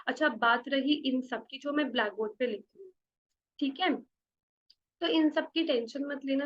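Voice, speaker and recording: In a classroom with a blackboard, a woman teacher with an Indian accent gives a beginners' spoken English lecture, explaining slowly and repeating words back to the class. Her voice is high-pitched and the audio sounds dull.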